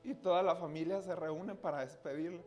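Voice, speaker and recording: A man's voice: a little high, fairly even intonation, brisk, darkish tone, muffled recording, soft background music. A man giving a personal testimony to a congregation, earnest, often turning to his listeners directly. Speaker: church speaker giving testimony.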